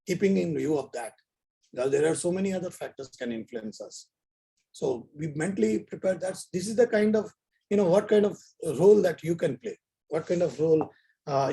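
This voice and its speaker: A man's voice: fairly high pitch, gravelly, dark tone, husky, rough recording. A middle-aged man with an Indian accent, giving an informal online lecture in an earnest, rambling, repetitive way. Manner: earnest, rambling, repeats phrases. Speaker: professor giving a talk.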